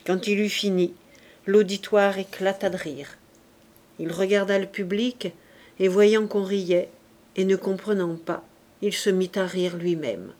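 A woman narrating a classic novel audiobook in a steady, even manner. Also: medium pitch, a little slow. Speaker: audiobook reader. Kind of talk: scripted narration.

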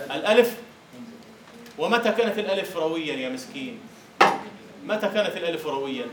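A man lecturing on Arabic prosody in a classroom, teasing his students and slowly chanting verse syllables. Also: a little high. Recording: roomy lecture hall echo, faint hiss.

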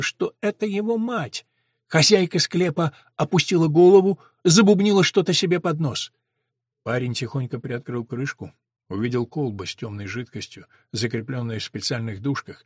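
An audiobook narrator reads a dark story aloud in a tense, dramatic style. His voice is mid-range and slightly rough, captured in a dry, clean studio recording of scripted narration.

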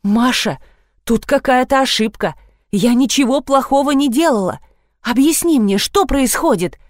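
A woman's voice: high voice, normal speed, no echo, clean studio sound, voice pushed up, close to an everyday voice. A woman voicing a bewildered, pleading young woman.

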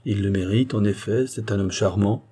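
A shrewd, composed detective speaks in a low, mellow, slightly husky voice, as a male reader of a storybook plays him. His questions come measured and unhurried. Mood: calm. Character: calm, shrewd male detective in middle age.

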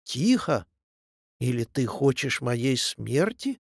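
Brief: male reader doing an anxious old hill, slow and pleading, close and dry. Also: medium pitch, big pitch swings, creaky, slightly rough, dry recording, voice pushed down, exaggerated voice. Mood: hushing. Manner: hushed, pleading.

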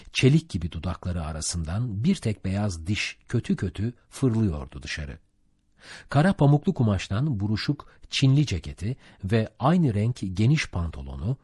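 A man reading a classic sea novel aloud as an audiobook narrator, in measured storytelling. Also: fairly low pitch, warm tone, husky, dry recording, clean studio sound. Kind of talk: scripted narration.

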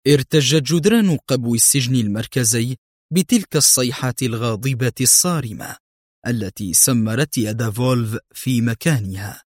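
A man giving measured, dramatic audiobook narration. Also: mid-range voice, no echo, clean studio sound.

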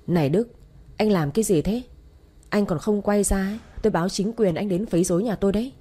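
A woman's voice: mid-range voice, fast talker, warm tone, husky, close to an everyday voice. A woman voicing a stern, scolding elderly father-in-law in an audio story. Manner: scolding, firm.

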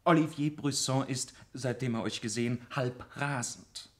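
A man's voice: medium pitch, steady tone, moderate pace, close to an everyday voice. A man playing a formal police lieutenant in a radio drama, persuading in an earnest, courtly and emphatic way. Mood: urgent persuasion. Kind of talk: German literary radio drama.

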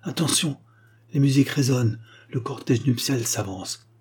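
A man's voice: medium pitch, normal speed, darkish tone, slight background noise, natural voice. A man reading aloud, voicing an earnest young scribe giving urgent warnings.

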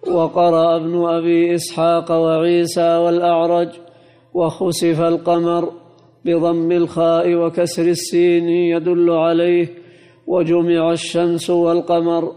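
A man reading a classical commentary aloud in a monotone, chanting recitation for a teacher. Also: fairly high pitch, moderate pace, in a large hall. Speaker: student reading the text aloud.

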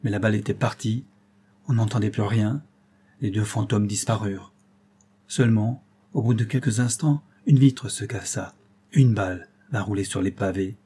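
Homme à la voix voilée et sombre. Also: male voice, fairly low pitch, normal speed, warm tone, breathy edge. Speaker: audiobook reader. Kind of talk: scripted narration of a classic tale.

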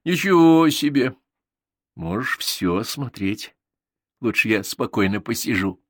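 A man reading an audiobook, voicing a jealous, hot-tempered young boy who yells insults. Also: medium pitch, lively intonation, measured pace, no echo, clean studio sound. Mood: defiant. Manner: loud, yelling, rude insults.

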